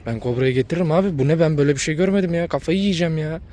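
A man's voice: a little high, rapid-fire, mellow. A man casually vlogging, talking to his dogs and viewers and repeating himself. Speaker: dog breeder vlogger.

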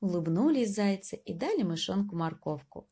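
A woman narrates a children's fairy tale with gentle, lilting storytelling. Her voice is mellow and warm, with a slightly husky, breathy edge. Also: medium pitch, expressive, normal speed.

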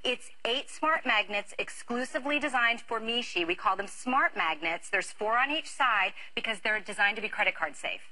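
A woman in her thirties giving an excited, emphatic product demonstration as a guest on a home shopping show. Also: on the high side, normal speed, few pauses, poor audio. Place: TV studio.

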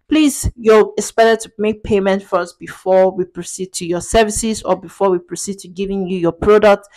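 A young adult woman, a digital marketing agency owner, talking casually and directly to her viewers. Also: mid-range voice. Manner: direct, matter-of-fact, with fillers. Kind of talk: casual talk to camera.

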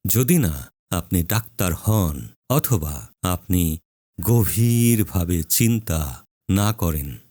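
A man preaching a dramatic sermon, slow and solemn, leaning hard on emphatic words with long pauses. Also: lowish voice, mellow, no room sound.

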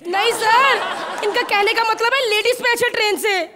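An actress playing a cheeky, quick-witted blind wife in a live stage comedy sketch, snapping back with jokes. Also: female voice, very high-pitched, crowd noise. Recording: live studio with music playing.

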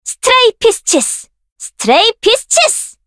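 A high, lively young woman's voice, proud and sure of herself. She barks commanding skill shouts in bold, confident bursts. The sound is close and dry, with no room around it. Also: a little slow, no echo, full character voice. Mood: battle shouts. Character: proud, confident young woman researcher of dark rift powers. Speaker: voice actress for a game character. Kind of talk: game voice lines, battle shouts.

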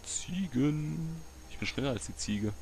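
A man giving casual let's play commentary, muttering to himself with excitable outbursts. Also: a little high, a little slow, noisy background.

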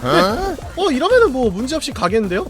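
A man streaming a party game, commenting live, often yelling and laughing at the action and cursing at rival players. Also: very high-pitched, big pitch swings, brisk, music in the background. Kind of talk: excited gameplay commentary.

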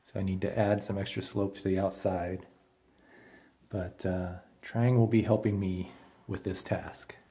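A man filming his own basement renovation, calmly talking through the work as he goes and thinking out loud with small restarts and fillers. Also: sits low, measured pace. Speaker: DIY home renovator. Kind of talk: casual first-person narration. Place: unfinished basement room indoors.

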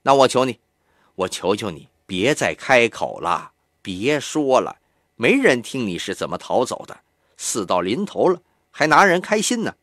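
A man reading an audiobook, voicing a hot-headed young man who taunts in a raised, sharp voice. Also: mid-range voice, very animated, moderate pace, no room sound, studio quality. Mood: mocking.

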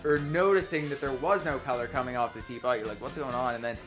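A man's voice: medium pitch, lively intonation, quick pace. A young man giving casual, informal, rambling gameplay commentary as the host of a let's play. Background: game music.

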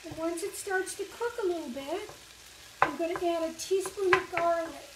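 A woman's voice: very high voice, normal speed, very noisy. An older woman patiently explaining a recipe step by step for kids in a home kitchen, recorded by a camera a few feet away. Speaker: library cooking instructor for kids. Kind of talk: cooking demonstration. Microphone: far camera. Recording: echoey kitchen from a distance. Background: faint sizzling of frying meat.

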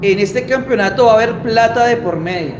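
A Colombian man in his thirties hosts a casual live stream from a small indoor motorbike workshop, announcing a championship in an informal, emphatic way. His voice is high and a little fast. The room is echoey, with clear background noise.

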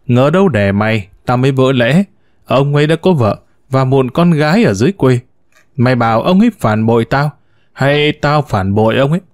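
A man's voice: medium pitch, animated, moderate pace, no echo, clean studio sound, lightly acted. A man voicing an older widowed mother who scolds her grown sons with venom, in a storybook reading. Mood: bitter. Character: sharp-tongued older widow, furious mother.

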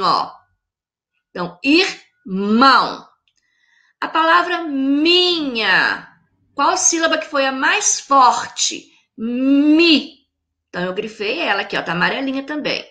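A Brazilian woman teaching a video lesson to children, slowly sounding out words syllable by syllable in an affectionate teacherly tone. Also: sits high, pushed and bright. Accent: Brazilian Portuguese. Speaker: primary school teacher.

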